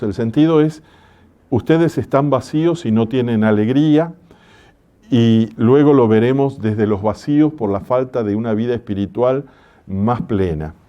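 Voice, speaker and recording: Speaking at a religious conference, a parish priest of medium pitch preaches gently and at a measured pace, weaving in homely stories. The sound is muffled.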